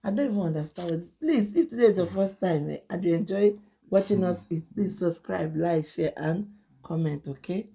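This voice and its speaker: A woman's voice: lowish voice, normal speed, creaky, mellow, husky. A young woman with a Nigerian accent, co-hosting a food vlog and teasing her husband in casual chat. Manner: teasing, scolding, Pidgin-mixed chatter. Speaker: vlog co-host.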